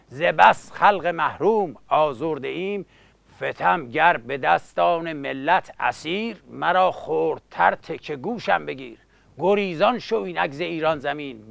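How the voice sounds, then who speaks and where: A man's voice: a little high, vocal fry, a bit bright, no room sound. A man storytelling in the manner of an epic teahouse bard, theatrically reciting satirical verse and addressing his listeners in asides.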